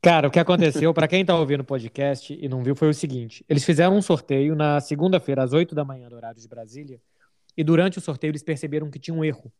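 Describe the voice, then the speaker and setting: A man's voice: on the high side, fast talker, a little mellow. A Brazilian man hosting a football podcast in a casual, conversational style. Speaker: podcast host.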